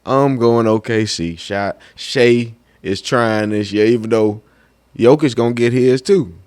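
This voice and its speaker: A man's voice: mid-range voice, unhurried, a little mellow, smooth. A man in a casual sports debate, talking in an informal, slangy and emphatic way. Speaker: sports talk co-host.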